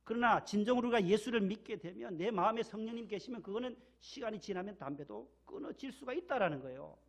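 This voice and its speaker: Male Korean pastor, slightly high gravelly voice, emphatic repeating sermon delivery. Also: animated, fast talker. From Gyeongsang region, Korea. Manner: emphatic, repeats key words, leads call-and-response. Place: church sanctuary.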